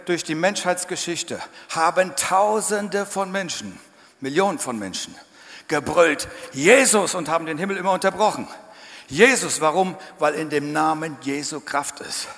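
Fiery preaching man, echoey hall. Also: a little high. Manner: emphatic preaching, bursts into loud shouts. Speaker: pastor. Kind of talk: sermon. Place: church hall. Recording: church hall reverb.

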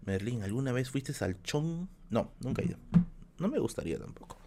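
A man's voice: mid-range voice, sing-song, a little fast, background noise. A man, a streamer telling stories in casual chat, rambling with many restarts while sick with a bad flu. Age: 30s. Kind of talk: casual storytelling on a live stream.

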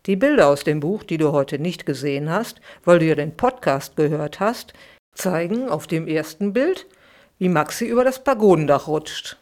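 Woman, middle-aged, children's author, bedtime story reading, lively, expressive, podcast. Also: fairly low pitch.

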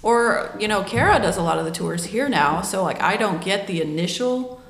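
Woman, wedding coordinator, gravelly low voice, echoey room, chatty. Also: lively intonation, normal speed, a bit bright. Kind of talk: casual group discussion.

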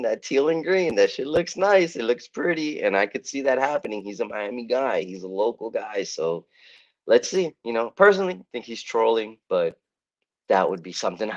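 A man's voice: medium pitch, lo-fi sound. A man co-hosting a sports podcast, giving emphatic, opinionated takes. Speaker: podcast co-host. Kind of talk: casual sports chat.

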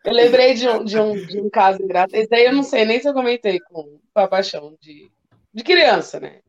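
A school coordinator tells stories in a casual, animated chat, acting out children's voices. Her voice is on the high side, expressive and a little fast, with crowd noise and a dull lo-fi sound.

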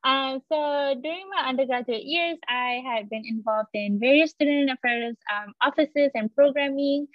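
A woman's voice: high-pitched, normal speed, few pauses, dry recording, muffled recording. A young woman from Malaysia, a graduate student guest on a podcast, speaking steadily with "um" fillers. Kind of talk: casual interview talk.

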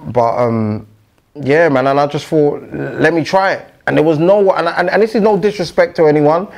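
A man's voice: a little high, moderate pace, gravelly, a little mellow. A man with a London roadman accent in casual podcast chat, using street slang and frequent tag questions. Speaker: podcaster being interviewed.

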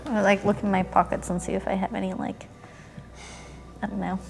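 A woman's voice: mid-range voice, flat delivery, fairly quick, gravelly, soft background music, low-quality recording. A woman chatting casually as a player in a tabletop game.

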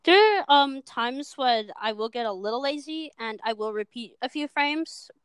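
Speaking on a cheap mic, a teenage guest from Minnesota, seventeen, talks casually about her animation, peppering her chat with ums and poking fun at herself. She has a high, lively voice at normal speed, and the sound is clean with no echo.

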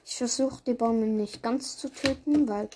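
A woman's voice: a little high, moderate pace, darkish tone. A woman giving casual live commentary on her own gameplay, reacting aloud in short bursts. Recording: clear background noise, keyboard clicks.

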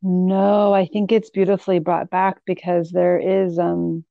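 A woman's voice: on the low side, level tone, unhurried, vocal fry, no echo, muffled recording. A woman from Philadelphia hosting a thoughtful conversation, searching for her words as she goes. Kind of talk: reflective conversation.

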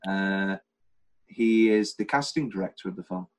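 A man's voice: low-pitched, normal speed, low-quality recording. A British man hosting a casual film podcast, rambling and jokey as he runs through favourite scenes. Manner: rambling, jokey, quotes scenes in funny voices. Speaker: podcast host.

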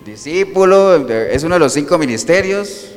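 A male pastor preaching a sermon, animated, asking the congregation rhetorical questions and answering them himself. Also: a little high, normal speed, big-room sound.

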